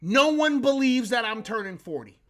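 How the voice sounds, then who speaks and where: With a very high, very animated voice, this thirtysomething man, late thirties, runs a live sports talk stream where he rants, curses a lot and boasts. He keeps a moderate pace and a slightly bright tone in the casual chat.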